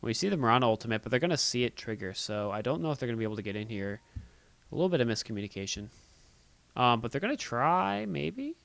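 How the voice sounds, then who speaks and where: A man with a booming voice doing live play-by-play commentary on a video game match. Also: big pitch swings, fast talker, creaky, fairly bright tone. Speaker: esports play-by-play caster.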